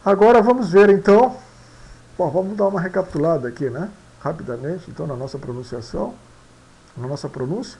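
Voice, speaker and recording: A man explaining Latin pronunciation slowly and repetitively, mixing in Spanish phrases and often asking "né?". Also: a little high, expressive, creaky, warm tone, poor audio. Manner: slow, repetitive, tag questions after each point; mixes Spanish phrases into Portuguese. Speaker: language teacher.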